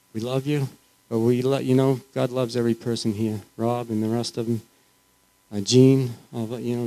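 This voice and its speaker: Earnest, halting man with a mellow voice. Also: medium pitch, low-quality recording. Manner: halting, earnest, with frequent restarts. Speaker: church member sharing. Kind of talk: informal church testimony.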